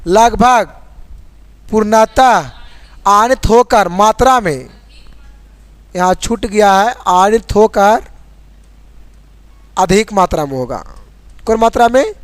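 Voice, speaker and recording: High-pitched man teaching chemistry, drilling questions. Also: dry recording. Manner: repeats questions and drills answers; spells formulas slowly letter by letter. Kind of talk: classroom chemistry lesson.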